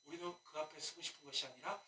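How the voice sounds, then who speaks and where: A male pastor preaching a sermon in a lively way, with rhetorical questions and humorous asides. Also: a little high, rapid-fire. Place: church sanctuary. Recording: echoey room, mic at a distance.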